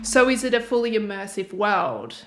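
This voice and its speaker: Young woman talking through a trailer, loose and chatty, mid pitch. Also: very animated, normal speed, over music. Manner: chatty, rambling, thinks aloud. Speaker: reaction video host. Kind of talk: casual commentary on a game trailer.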